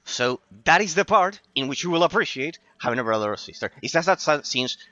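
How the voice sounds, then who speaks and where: A man's voice: fairly high pitch, expressive, fairly quick, bright, forceful tone, no room sound, dull audio. A man in his late twenties with an Argentine accent, chatting casually to viewers as he streams a game, rambling and repeating phrases for emphasis. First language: Spanish. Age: late 20s. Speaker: live streamer. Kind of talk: casual chat to viewers during gameplay.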